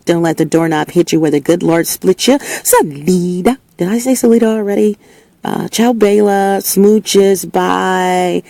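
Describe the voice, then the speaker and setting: With a measured pace and a mellow quality, a woman hosts her own casual opinion monologue, preaching her points emphatically and frequently restarting or repeating. Her voice is slightly hoarse and sits lower than usual. It's recorded without echo on a setup showing a level meter.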